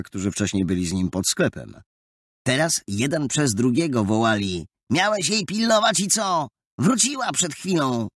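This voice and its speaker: A man narrating an audiobook in a lively, expressive storytelling manner, close to the mic. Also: lowish voice, breathy edge, no room sound. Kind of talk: scripted narration.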